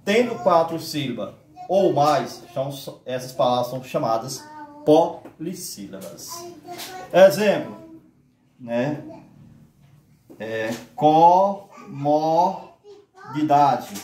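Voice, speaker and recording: A man teaching a grammar lesson. He speaks slowly, asks the class questions and stretches words out syllable by syllable. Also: on the high side, lively intonation, a little mellow, far from the mic, slight background noise. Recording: echoey room, voice from off mic.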